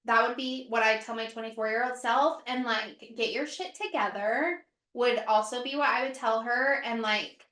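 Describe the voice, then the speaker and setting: A woman co-hosting a podcast in casual chat, candid, quick to laugh and swearing casually. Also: on the high side, little pitch movement, pushed and bright. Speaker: podcast co-host and yoga instructor. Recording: roomy echo.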